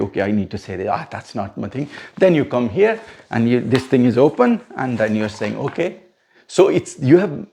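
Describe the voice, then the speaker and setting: A man's voice: medium pitch, a little mellow. A man teaching a hosting practice class step by step, often checking whether his listeners follow. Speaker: MC trainer. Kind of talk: instructional coaching session.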